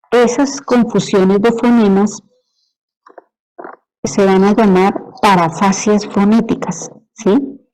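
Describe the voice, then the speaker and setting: Woman lecturer, middle-aged, warm mellow tone, patient explanatory delivery. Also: mid-range voice, low-quality recording. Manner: explanatory, asks "¿sí?" to check understanding. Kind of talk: university lecture.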